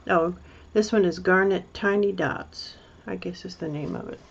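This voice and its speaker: Gravelly, flat-toned woman crafting vlogger. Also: on the low side, normal speed, lo-fi sound. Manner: rambling, hesitant, chatty with many restarts. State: mouth full of candy. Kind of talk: casual show-and-tell craft video.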